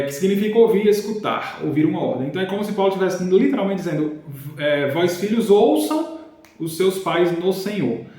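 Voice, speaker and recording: A man's voice: on the high side, darkish tone. A man reads a Bible passage and explains it with casual asides. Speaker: Bible teacher. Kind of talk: reading and explaining scripture. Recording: very echoey room.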